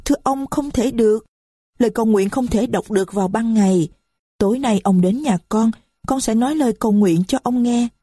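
A woman voicing a small innocent girl who answers politely in a high childish voice, read from a storybook. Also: a little fast, dark tone, husky, no room sound, studio quality.

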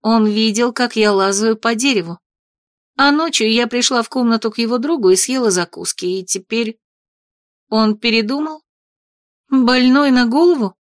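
A woman reading an audiobook, voicing a spirited young woman who answers in quick, startled questions. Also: a little high, no echo, clean studio sound, close to an everyday voice. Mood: exasperated. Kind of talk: audiobook character voice.

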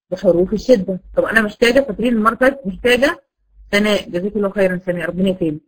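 Fast-talking Egyptian woman teacher. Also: medium pitch, fairly bright tone, low-quality recording. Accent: Egyptian Arabic. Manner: asks the class rhetorical questions and answers them. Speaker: Quran recitation teacher. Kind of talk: classroom lesson.

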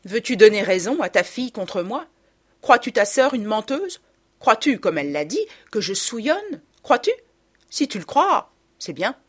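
A shrill, domineering peasant mother, put on by a woman reading an audiobook, scolding at full volume with her voice leaping up and down in indignant swings. The tone stays husky and slightly breathy under the shouting. She keeps taking offense and throwing out wounded questions. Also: huge pitch swings, moderate pace, full character voice.

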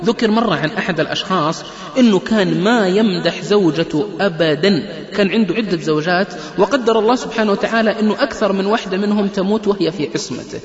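A man giving a religious lecture on family life, telling stories and acting out the people in them. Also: sits high. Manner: lively storyteller who acts out quoted people. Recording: echoey hall, muffled lo-fi lecture recording.

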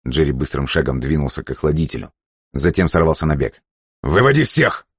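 A male narrator with a very deep, husky voice reads a novel in a steady, dramatic way. The sound is close and dry, with no room around it. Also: fast, dry recording. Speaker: audiobook narrator. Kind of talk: scripted narration.

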